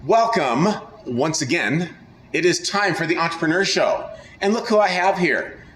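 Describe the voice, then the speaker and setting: A man's voice: fairly high pitch, normal speed, a little hiss or hum, poor audio. An enthusiastic middle-aged man hosting an upbeat interview chat with a guest. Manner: enthusiastic, energetic. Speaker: host.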